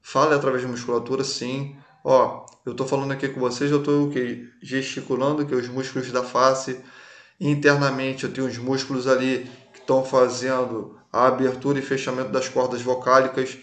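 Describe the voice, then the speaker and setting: A man's voice: medium pitch, flat delivery, normal speed, fairly bright tone. A man teaching a recorded class in a casual way, often checking that students follow along. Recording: echoey room.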